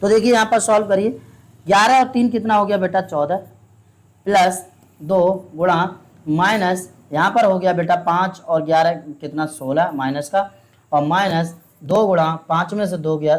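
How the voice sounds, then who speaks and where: A woman with a low-ish, darkish voice teaches a maths lesson step by step. She explains patiently, keeps quizzing her students, and calls them "beta".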